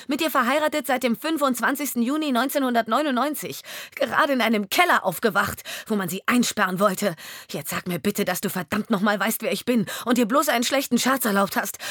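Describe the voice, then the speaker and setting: A woman reading an audiobook, voicing a distraught wife who shouts and pleads. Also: high-pitched, no room sound, clean studio sound, pitched above the performer's own voice. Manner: shouting, then tearful pleading.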